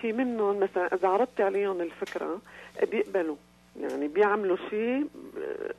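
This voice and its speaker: Creaky-voiced Levantine woman on dull phone line. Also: mid-range voice, fast, a little mellow. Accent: Levantine Arabic. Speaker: phone-in caller. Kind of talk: casual phone conversation.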